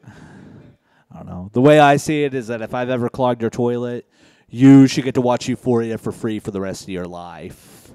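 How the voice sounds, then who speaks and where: A young man from Indiana doing a stand-up set on a comedy club stage, deadpan and low-key with sudden loud outbursts. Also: moderate pace, smooth, no room sound, clean studio sound.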